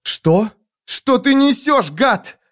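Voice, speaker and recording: A woman's voice: sits low, very animated, brisk, voice pushed up. A man voicing a fierce young street girl who screams insults in a furious, spitting way. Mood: furious screaming.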